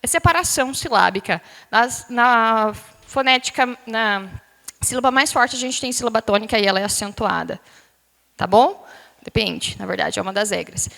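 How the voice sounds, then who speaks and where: Lively teacher in a big echoing hall. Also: female voice, a little high, normal speed, creaky. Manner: lively, questioning the class, drawing out words. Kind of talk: live classroom lecture. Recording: long hall reverb.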